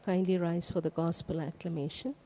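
A middle-aged woman, reading a psalm as lector in a solemn, deliberate manner. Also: fairly low pitch, little pitch movement, mellow, slight background noise. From India. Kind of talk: liturgical scripture reading. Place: church lectern, indoors. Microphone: gooseneck lectern microphone.

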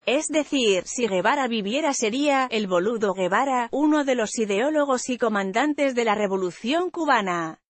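A woman reading a news article aloud in an even, measured way, as a news voice-over. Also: a little high, no room sound. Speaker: news reader.

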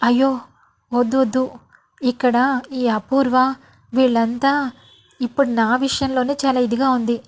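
A quiet young woman weak with fever, as a woman telling the story voices her. She speaks softly in a subdued, high voice. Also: flat delivery, unhurried, pauses often. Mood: tired. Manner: soft and subdued.

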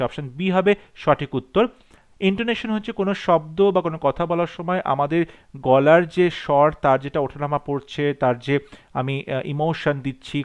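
Male teacher, slightly high voice, reads english mcq questions slow then explains them. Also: clear, resonant tone. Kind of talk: exam-prep lesson going through multiple-choice questions.

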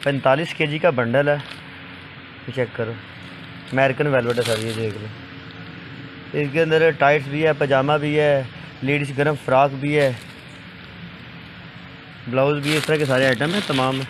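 A young Pakistani man runs a casual sales vlog from a small indoor shop, selling bundles of used clothing and repeatedly urging viewers to look at the goods and call. He films himself on a phone held close, speaking in a steady mid-range voice, unhurried and with frequent pauses. The recording is rough, with a little hiss or hum.

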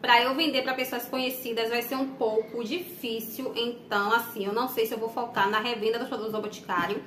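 Bright-voiced chatty young woman from Bahia. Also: a little high, little pitch movement, brisk. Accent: Bahian Brazilian Portuguese. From Brazil. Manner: chatty, addresses viewers often. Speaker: vlogger. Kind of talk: casual unboxing chat. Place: small room indoors, plain wall. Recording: echoey room, faint background noise.

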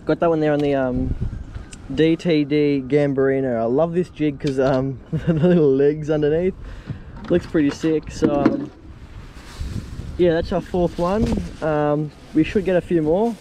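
Young man, upbeat fishing commentary, outdoors on a pier, head-mounted camera, loud wind buffeting the mic, fairly high voice. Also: fairly even intonation, unhurried. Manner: chatty, upbeat, addresses viewers as guys. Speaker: fishing vlogger. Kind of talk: casual running commentary. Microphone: head-mounted action camera. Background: wind and water.

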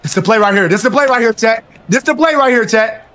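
A man's voice: very high voice, brisk, fairly bright tone. A man playing a video game match, bantering with repetitive teasing catchphrases. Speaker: gamer opponent.

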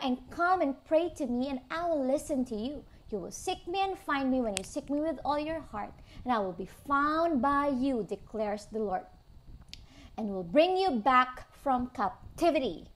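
A woman with a Filipino accent preaches a sermon in a high, light voice. She reads scripture aloud and checks in with her listeners through questions. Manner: mixes Tagalog and English, reads Bible verses aloud, asks the listeners questions.

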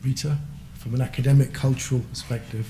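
A man's voice: medium pitch, steady tone, fast talker, dark tone, echoey room, a little hiss or hum. Man moderating a conference panel. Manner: conversational, with frequent fillers and backchannels. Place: conference auditorium, standing at a lectern. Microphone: lectern microphone.

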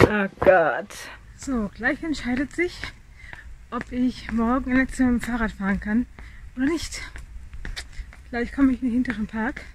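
A woman's voice: fairly high pitch, normal speed, pauses often. A woman vlogging in a casual chat, talking to herself with exasperated asides and muttered comments. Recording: noisy home recording.

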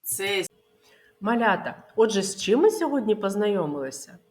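This very animated woman has a medium-pitched, darkish voice and works as a preschool teacher from Ukraine. During a literacy lesson for young kids, she enunciates words slowly and clearly, asking questions she then answers herself.

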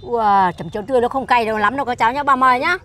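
A woman's voice: fairly high pitch, very fast, fairly bright tone. An older woman cooking and serving food, talking in a chatty, coaxing way with lots of exclamations. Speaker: cooking vlogger. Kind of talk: cooking demonstration while serving guests. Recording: noisy crowd around her.

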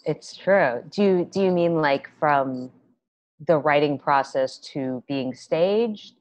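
A woman's voice: sits low, slow, darkish tone, no room sound. A young woman, a playwright guest, chatting on a video call from home, with many fillers and restarts. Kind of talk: casual video-call interview. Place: small room at home. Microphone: laptop webcam on video call. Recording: dry, dull video-call audio.

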